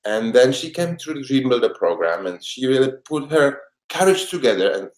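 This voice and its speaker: A man's voice: mid-range voice, sing-song, normal speed. Earnest Czech-accented man, roomy sound. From Czech Republic. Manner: earnest, heartfelt, with non-native grammar. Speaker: guest, life coach. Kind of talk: interview answers. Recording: echoey room sound.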